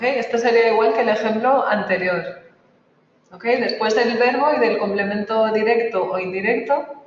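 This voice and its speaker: A man's voice: high-pitched, slight background noise. A man teaching an English grammar lesson, explaining step by step and checking in with a frequent "ok?". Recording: echoey, dull, distant lo-fi room recording.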